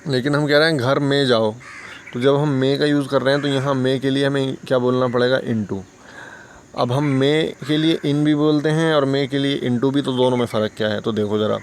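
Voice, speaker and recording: A man's voice: medium pitch, a little hiss or hum. A man teaching an English lesson for beginners, patiently explaining and answering his own questions.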